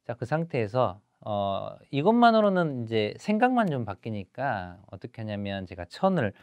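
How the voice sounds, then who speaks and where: A man's voice: medium pitch, big pitch swings, moderate pace, darkish tone, clear, resonant tone, dry recording. A male teacher recounting a classroom case in an earnest storytelling manner.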